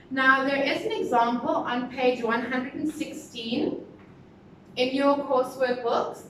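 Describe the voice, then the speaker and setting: A woman teacher giving a recorded lesson to young pupils, speaking slowly and stressing syllables as she teaches new words. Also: fairly high pitch, distant mic. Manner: slow, deliberate, stressing syllables. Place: classroom with a board. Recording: very echoey room, voice from the mic, clear background noise.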